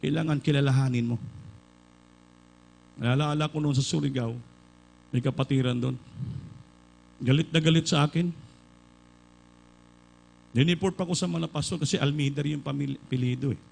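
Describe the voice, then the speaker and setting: A man from the Philippines preaching a sermon, telling a story and then building to loud, fervent exhortation, slipping English phrases into his Filipino. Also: on the high side, moderate pace, vocal fry, pauses often, rough recording.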